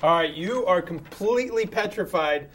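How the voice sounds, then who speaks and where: A man's voice: high voice, expressive, moderate pace, a bit bright, slight background noise. A man running a tabletop game as game master, narrating in a loose, casual way.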